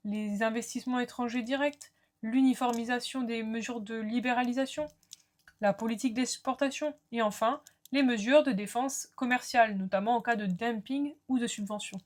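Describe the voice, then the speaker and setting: Woman teaching law, fairly high voice. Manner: explains terms, asides to students. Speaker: law lecturer. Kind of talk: recorded lecture.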